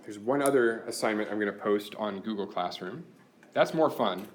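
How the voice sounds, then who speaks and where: A man's voice: lowish voice, normal speed, a little hiss or hum. A man teaching a university class, explaining course logistics step by step in a practical, chatty way. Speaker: university instructor. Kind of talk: classroom lecture.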